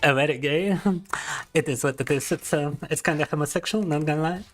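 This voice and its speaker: A young man streaming as a VTuber chats casually in a playful, teasing way, laughing often and reading chat aloud; Russian is his first language. His voice is on the high side and a bit bright, his pace fairly quick, and faint music sits behind him.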